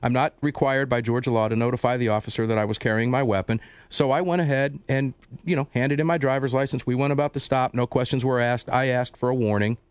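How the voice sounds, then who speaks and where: A man hosting a radio talk show, interviewing a guest in a conversational, animated way with frequent restarts. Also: mid-range voice, fast, clear, resonant tone, no room sound. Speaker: host.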